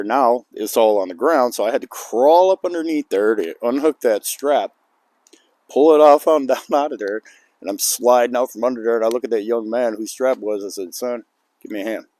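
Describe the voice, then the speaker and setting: An older man telling a rambling outdoor story to the camera in a folksy way, chuckling between lines, recorded outside on a calm, cold day. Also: medium pitch, normal speed, dry recording. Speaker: outdoor vlogger.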